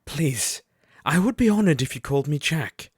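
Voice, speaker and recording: A man playing a shy, earnest Victorian gentleman doctor, hesitant and formally polite, in an audio drama. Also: fairly high pitch, very animated, moderate pace, husky, no echo, studio quality. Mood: nervous, hopeful.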